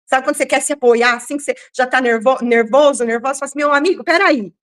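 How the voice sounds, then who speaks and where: A woman's voice: sits high, steady tone, racing. Firm-voiced Brazilian woman giving testimony. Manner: firm, rather loud speaking voice; hesitant restarts while recounting. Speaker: church member giving testimony. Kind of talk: emotional personal testimony.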